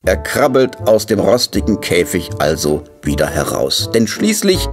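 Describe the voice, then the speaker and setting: Man narrating a kids cartoon, soft and coaxing, swoops up and down a lot. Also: low-pitched, wildly swooping pitch, normal speed, soft background music. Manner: gentle, coaxing, talks to the figure. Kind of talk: storybook narration for children.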